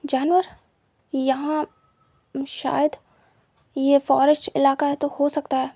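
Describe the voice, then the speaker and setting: A woman playing a calm, terse male teacher. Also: sits high, slow pace, no echo. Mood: questioning. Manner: terse, level, firm.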